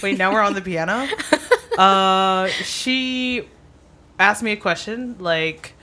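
A woman's voice: medium pitch, slow. A woman co-hosting a podcast in casual chat, telling stories with lots of laughter. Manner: giggly, animated storytelling. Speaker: podcast co-host.

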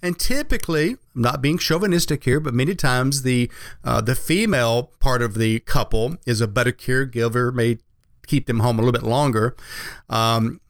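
A male financial advisor talks on a radio show in a folksy, conversational way, explaining as he goes. His pitch is medium and the sound is dry and close. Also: animated, brisk, no echo.

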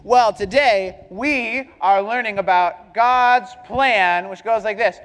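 A man hosting a live children's program, speaking in loud, exclamatory, high-energy hype as he leads the group. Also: slow pace. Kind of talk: live upbeat presentation to children. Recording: echoey hall with long reverb.

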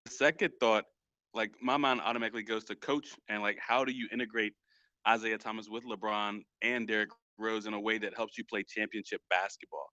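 A man's voice: fairly low pitch, steady tone, brisk, bright, forceful tone, no echo, dull audio. A man co-hosting a podcast, talking sports casually and with feeling, full of slang. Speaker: podcast co-host. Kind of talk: casual chat about sports.

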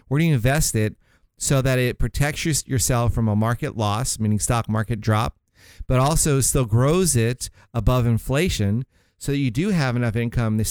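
Smooth-voiced man explaining retirement planning. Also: medium pitch, a little mellow, no room sound. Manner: rambling, conversational, often restarts words. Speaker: radio show host and retirement planner.

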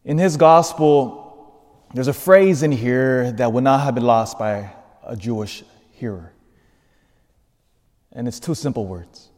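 A man's voice: mid-range voice, takes it slowly, long pauses, darkish tone. A priest reads the gospel and then preaches, his voice earnest and emphatic. His mid-range voice rings out with a long cathedral echo. It sounds as though it fills a large stone church. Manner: earnest and emphatic, building up through lists. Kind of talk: gospel reading and homily.

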